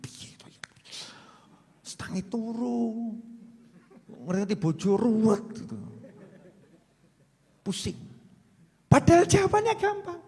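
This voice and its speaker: A man preaching a sermon in a lively, joking way, swinging from loud to soft. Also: extremely high pitch, breathy edge. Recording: long hall reverb.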